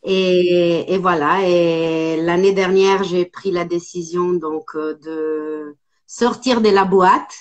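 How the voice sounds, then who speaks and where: A woman in her forties from Italy with an Italian accent, speaking as an interview guest, hesitant with many pauses and fillers. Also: fairly low pitch, fairly even intonation, darkish tone, highs cut off. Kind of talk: casual interview.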